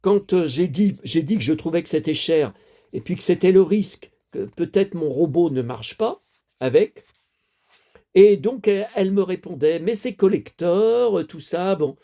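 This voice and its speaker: A man's voice: on the high side, animated, moderate pace, warm tone. A man in his fifties, a collector chatting casually to camera, rambling and repeating himself with many fillers. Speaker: toy collector vlogger.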